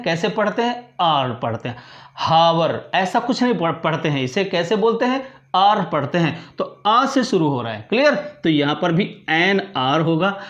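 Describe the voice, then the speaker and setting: An Indian man teaching English grammar in a classroom lecture, explaining patiently, repeating words and often checking with "clear?". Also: high voice.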